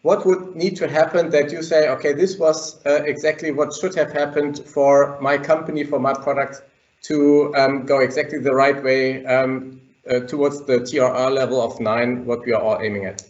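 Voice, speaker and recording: A man moderating a webinar panel over a group video call, halting and restarting his sentences with many fillers. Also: medium pitch, steady tone. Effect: group video call audio. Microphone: computer mic on a video call. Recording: dull, echoey call audio.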